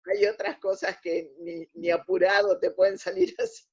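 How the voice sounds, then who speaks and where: An Argentine woman, a native Spanish speaker, appears as a guest on a conversational radio interview, laying out her opinions and frequently rephrasing partway through sentences. Her medium-pitched voice swings widely in pitch at a moderate pace, sounding a little mellow and slightly rough, with the high frequencies cut off.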